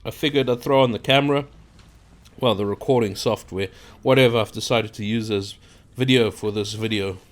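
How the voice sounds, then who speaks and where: A South African YouTuber rambles unscripted into his own computer microphone, full of fillers and restarts. He speaks briskly, with a fairly low-pitched male voice.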